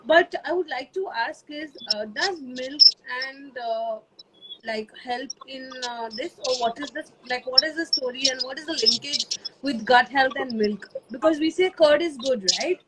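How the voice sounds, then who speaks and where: A woman's voice: sits high, moderate pace, a loud crowd, rough recording. A woman with an Indian English accent hosting a chatty video call. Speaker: host. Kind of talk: casual online talk.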